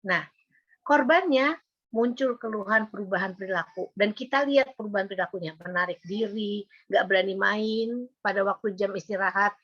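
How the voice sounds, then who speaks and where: A woman's voice: mid-range voice, normal speed, fairly bright tone, no echo. An older woman, a psychologist, giving a patient, explanatory webinar talk to parents with frequent filler words. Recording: dull, dry video call audio.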